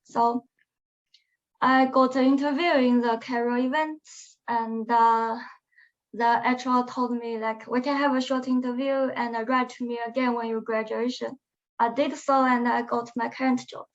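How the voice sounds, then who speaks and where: Speaking English as a second language, a young woman appearing as an alumna guest halts and restarts as she hesitantly answers interview questions. Her pitch is fairly high with little movement, heard through muffled, lo-fi webinar sound.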